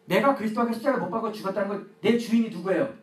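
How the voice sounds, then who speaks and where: A man's voice: high-pitched, rapid-fire. A middle-aged man preaching a sermon as pastor, acting out his own prayers and quarrels. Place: church sanctuary. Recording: echoey church hall, mic at a distance.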